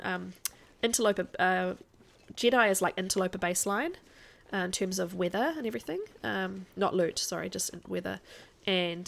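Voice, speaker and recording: Casting: female game streamer with a light New Zealand accent, medium pitch, informal and talkative livestream delivery. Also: creaky. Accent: mild New Zealand. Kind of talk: casual livestream chat over gameplay.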